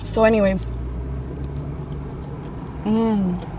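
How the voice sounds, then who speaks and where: A woman chatting casually and haltingly to viewers in slangy, informal speech while eating, sometimes with her mouth full. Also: mid-range voice, fairly even intonation. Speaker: mukbang vlogger. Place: open-top Jeep outdoors. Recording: clear car and outdoor ambient noise.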